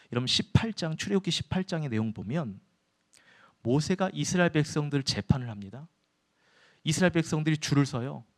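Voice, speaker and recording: A man preaching a sermon in a church, often turning to his listeners with questions and answering them himself. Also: fairly high pitch. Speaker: pastor.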